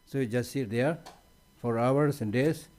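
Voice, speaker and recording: A man teaching on meditation at a conference, conversational, often repeating words as he restarts a phrase, with gentle humor. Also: mid-range voice, unhurried. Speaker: Buddhist teacher.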